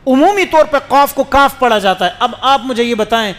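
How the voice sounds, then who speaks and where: A man's voice: very high voice, animated, a bit bright, big-room sound. A man giving a religious lecture as a mufti, questioning his listeners and explaining rules patiently. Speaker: mufti preacher.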